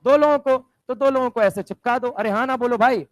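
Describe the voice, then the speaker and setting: High-voiced man drilling a chemistry class. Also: brisk, no echo, highs cut off. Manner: drills students with repeated questions. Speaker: chemistry teacher. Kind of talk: classroom lecture.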